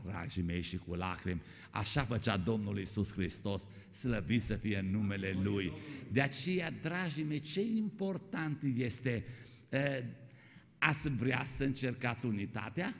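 Gravelly preacher guy, sermon in a big echoey church, keeps saying my dear ones. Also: mid-range voice. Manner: repeats "my dear ones", asks the congregation questions. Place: church hall. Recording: long reverb of a church hall.

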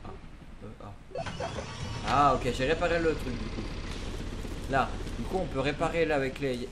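A man's voice: medium pitch, moderate pace. A young man giving casual commentary while he plays a video game. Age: young adult. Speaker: let's player at the controls. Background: video game music.

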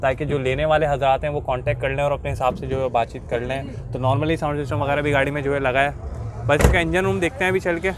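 Filming on a phone at arm's length in an open-air car market, this Pakistani vlogger in his 20s walks through the lot and briefly interviews people, explaining things in a repetitive patter. He talks fast in a fairly high, fairly even voice, against noisy market chatter.

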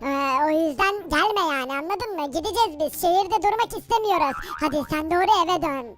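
A performer voicing a grumpy, irritable teenage boy who complains loudly in a game role-play skit. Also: very high-pitched, animated, quick pace, background noise, voice pushed down.

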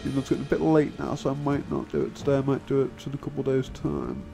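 At a quick pace, a young man with a creaky, medium-pitched voice and fairly even intonation rambles casually over gameplay. His commentary is sweary and self-deprecating, his voice worn from long talking, with game end-credits music behind his microphone voice-over.

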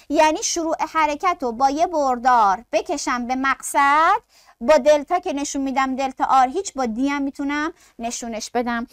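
Lady science teacher, pretty high voice, keeps asking then answering her own questions, dry sound. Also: a bit bright, no echo. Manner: asks rhetorical questions and answers them herself; addresses students affectionately. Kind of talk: classroom lecture.

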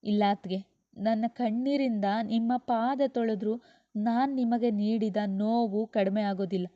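A woman's voice: a little high, steady tone, measured pace, warm tone, dry recording, lightly acted. A woman voicing a proud young wife who turns tearful and pleading, in a dull lo-fi recording. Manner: pleading, emotional.

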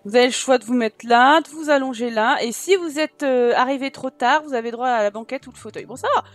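A woman's voice: sits high, brisk, no room sound. A woman with a southern French accent giving casual let's-play commentary, chatting to her viewers and thinking aloud as she decorates. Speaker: gaming YouTuber.

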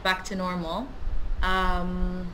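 A woman's voice: fairly low pitch, completely flat delivery, slow pace, sharp tone, slight background noise, poor audio. A woman with a British accent, chatting on a video call, hesitant and full of fillers. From grew up in the UK. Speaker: webinar participant, college teacher. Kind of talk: casual video-call chat.

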